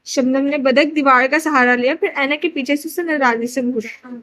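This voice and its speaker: A woman narrating a romance novel aloud in an expressive storytelling manner. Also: high-pitched. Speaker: audiobook narrator.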